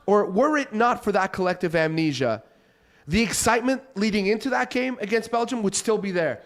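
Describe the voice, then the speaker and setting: A high-voiced man from Portugal joins a soccer panel with emphatic, animated talk. His voice sits well above the other men, and he tells stories with conviction. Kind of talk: casual panel discussion.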